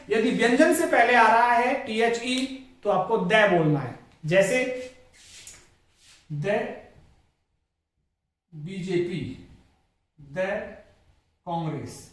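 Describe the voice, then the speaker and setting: A man teaching English pronunciation in a classroom style, stressing words and repeating each example sentence. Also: very high voice. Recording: very echoey room, voice far from the mic.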